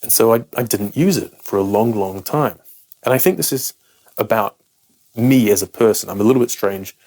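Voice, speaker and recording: Speaking to camera, a guitar teacher with a British accent explains picking technique. His voice is fairly low and darkish, his pace moderate, and he's a native English speaker whose manner is frank, emphatic, and self-deprecating.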